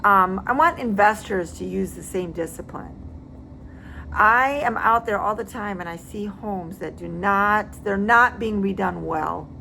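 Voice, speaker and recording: A woman's voice: medium pitch, unhurried, vocal fry, pushed and bright, a little hiss or hum. A woman real estate agent giving casual advice, emphatic and repeating words for stress.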